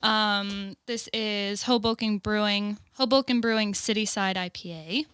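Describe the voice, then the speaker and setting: A woman's voice: medium pitch, steady tone, unhurried, a bit bright, clean tone, no room sound, clean studio sound. A woman with an American accent, a podcast guest presenting things in casual chat. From United States.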